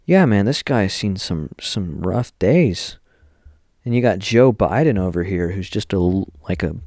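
A young man talks through a casual solo podcast, rambling, joking and trailing off as he thinks aloud. His voice is lowish and mellow. The sound is close and dry. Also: vocal fry, dry recording. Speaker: podcast host.

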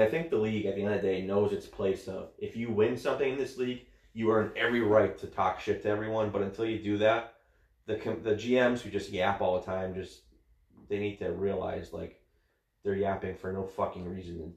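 A man's voice: lowish voice, steady tone, brisk, darkish tone. Blunt, profane man in an echoey room. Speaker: podcast co-host answering questions. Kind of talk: casual chat.

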